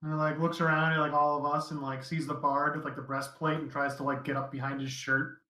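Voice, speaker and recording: A man's voice: a little high, level tone, fairly quick, pushed and bright, roomy sound, low-quality recording. A man narrating as dungeon master in an easygoing, casual way, full of fillers. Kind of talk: narrating a tabletop game.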